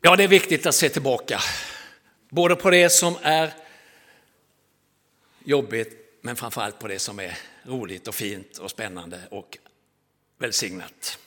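A middle-aged man, a pastor, preaching a sermon and telling a story with dramatic rises and soft drops. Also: medium pitch, pauses often.

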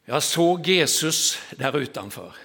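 A man's voice: a little high, animated, creaky, slightly rough. Middle-aged male pastor telling a sermon story. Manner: storytelling with dramatic rises and soft drops.

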